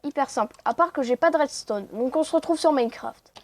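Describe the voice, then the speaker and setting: A woman's voice: high voice, brisk. A woman casually commenting on her own gameplay, chatty and self-mocking. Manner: chatty, self-mocking, lots of "voilà" fillers. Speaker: let's play host.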